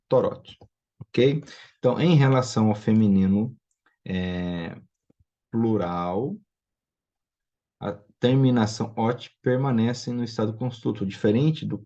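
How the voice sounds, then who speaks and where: A man's voice: medium pitch, dark tone. A man teaching a recorded online lesson, explaining patiently and often checking in with his students. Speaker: Biblical Hebrew teacher. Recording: dull lo-fi recording.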